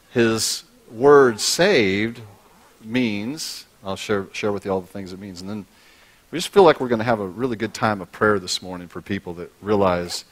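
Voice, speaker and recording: A man's voice: on the low side, a bit bright. A middle-aged man, a pastor, preaching a conversational and humorous sermon on a large church stage, through a body-worn mic. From United States.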